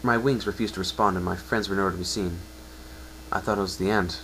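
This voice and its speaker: This fan-fiction reading features a man as a somber, downcast young pegasus. His low voice is fairly bright and fairly even in intonation, earnest and halting as he faults himself. Faint noise mars the poor-quality audio.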